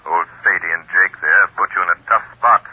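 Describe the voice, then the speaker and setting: The Shadow, low, menacing unseen avenger. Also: male voice, pushed and bright, slightly rough, no room sound, full character voice. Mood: calm commanding. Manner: deliberate, authoritative, theatrical. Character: invisible avenging crime fighter, calm, commanding, menacing. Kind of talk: 1930s radio acting. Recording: muffled scratchy 1930s radio recording.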